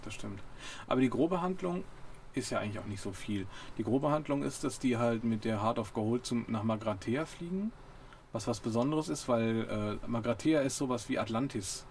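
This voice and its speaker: A man's voice: medium pitch, expressive, normal speed, a little mellow, a little hiss or hum. A man hosting a casual book discussion, chatty and rambling, full of fillers and restarts. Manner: chatty, with many fillers and self-corrections. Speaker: podcast host.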